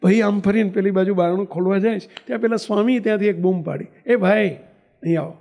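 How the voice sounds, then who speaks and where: Male monk, storytelling sermon, high gravelly voice, mellow tone, acts out quoted lines. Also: fairly even intonation, quick pace. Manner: asks the audience questions, acts out quoted dialogue.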